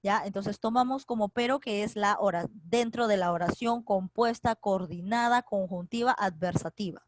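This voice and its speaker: A woman's voice: medium pitch, moderate pace, a little hiss or hum, rough recording. A woman teaching an online grammar lesson, patiently explaining step by step and asking rhetorical questions. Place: home, recorded for a virtual class.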